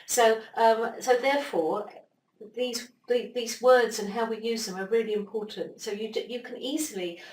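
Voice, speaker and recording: A woman explaining ideas as an interview guest, animated and acting out little inner voices as she talks. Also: fairly high pitch, normal speed. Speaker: interview guest, brain expert. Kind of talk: conversational interview. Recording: roomy, distant mic, faint noise.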